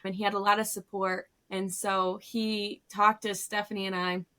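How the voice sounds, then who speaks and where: A woman's voice: medium pitch, little pitch movement, moderate pace, sharp tone, smooth. An American woman from Northern Pennsylvania telling stories in an earnest, reflective way as an interview guest. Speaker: guest, farm business co-founder. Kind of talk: casual interview storytelling.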